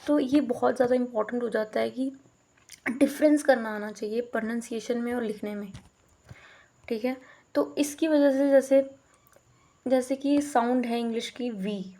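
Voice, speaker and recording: A young woman teacher with a warm, fairly high voice gives an explanatory lecture, mixing Hindi with English phrases. She checks in with the listener frequently.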